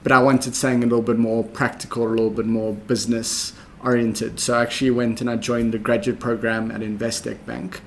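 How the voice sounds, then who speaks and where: A South African man speaks in an even, level tone with very little rise and fall, laying out his thoughts step by step and pausing on ums. Faint room ambience sits behind his voice. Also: mid-range voice, gravelly, a little hiss or hum. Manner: measured, methodical, with frequent ums. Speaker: interview guest. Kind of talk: conversational interview.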